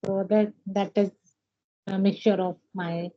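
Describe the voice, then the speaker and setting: This English learner, a homemaker who speaks Hindi natively, talks at a measured pace in a medium-pitched voice with little pitch movement. It is casual conversation practice over muffled call audio, and she is hesitant, with frequent fillers and restarts.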